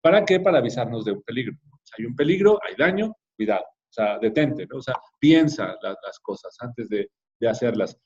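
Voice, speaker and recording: A man with a Mexican accent leads a church class, talking casually and checking in with his listeners. His voice sits at an ordinary middle pitch. The recording sounds a little dull and lo-fi. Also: expressive, fairly quick, few pauses, darkish tone. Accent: Mexican Spanish. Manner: conversational, frequent tag questions, addresses the class directly. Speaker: Bible class teacher.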